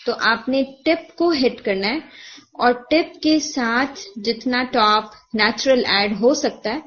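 A woman's voice: a little high, fairly bright tone. Patient woman tutor. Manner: patient, explanatory, mixing English terms into Urdu. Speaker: Quran recitation teacher. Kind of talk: one-on-one tajweed feedback. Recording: lo-fi muffled audio.

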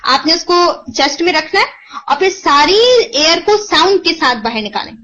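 Female tutor, high bright voice, patient explainer, lo-fi muffled audio. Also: lively intonation. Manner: patient, explains slowly and demonstrates sounds. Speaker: teacher of Arabic pronunciation. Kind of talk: online lesson, Hindi-Urdu mixed with English.

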